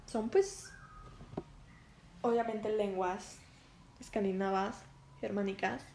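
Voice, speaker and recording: A woman's voice: medium pitch, steady tone, slow, dark tone, slight background noise. A woman with a Mexican accent hosting a casual podcast monologue, chatty and full of filler words. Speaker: podcast host. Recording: roomy echo.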